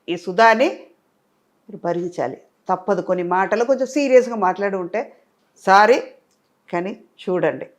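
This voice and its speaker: Older woman interviewee, tired, expressive and devout. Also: mid-range voice. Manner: expressive, devotional, sings softly at times. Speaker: actress interviewee. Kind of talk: casual interview chat.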